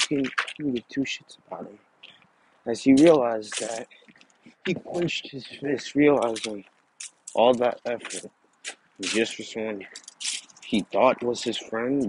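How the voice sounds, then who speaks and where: A young man casually narrating a fan story, rambling and restarting phrases as he goes. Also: medium pitch. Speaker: channel host and storyteller. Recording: noisy background.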